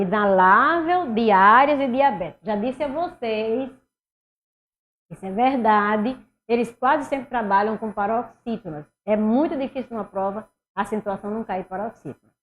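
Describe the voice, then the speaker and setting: Leading a review for a Portuguese exam, a woman asks herself questions and then answers them. Her voice sits on the high side and shifts between loud and soft.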